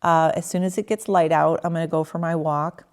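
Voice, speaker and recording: A woman's voice: sits low, fairly quick, dry recording, studio quality. A woman in her fifties, a health coach, chatting casually to her viewers while outdoors at home and on a walk. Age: 50s. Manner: chatty, relaxed, addressing viewers directly. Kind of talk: casual vlog chat. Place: outdoors at home, patio and walking route.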